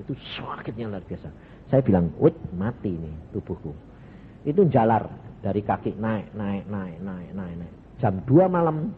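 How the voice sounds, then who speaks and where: A male evangelist, telling his testimony in a sermon, dropping to low murmurs and jumping to sudden high shouts. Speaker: evangelist preacher. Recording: tinny phone-like recording in a reverberant hall with noise.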